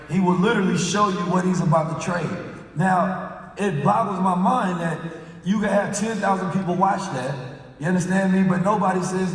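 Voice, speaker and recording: A man hosting a motivational talk before a live audience, preaching and tagging his points with "right?". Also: fairly high pitch. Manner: preachy, repeats "right?" as a tag. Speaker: host. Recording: echoey hall, speaker far from mic.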